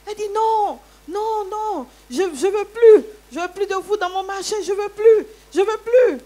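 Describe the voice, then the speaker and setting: A woman's voice: extremely high pitch, fairly even intonation, fast, a little mellow, pitched above the performer's own voice. A woman acting out an angry older market landlady who insists and repeats herself.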